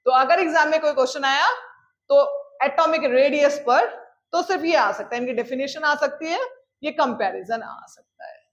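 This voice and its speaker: A high-pitched woman delivers a chemistry lecture, slowing down to dictate definitions and checking in with her students again and again. The recording sounds a little dull and lo-fi. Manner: checks in often with "clear?", calls students "beta"; mixes English phrases into explanations, dictates definitions slowly. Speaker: chemistry teacher. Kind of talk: classroom lecture.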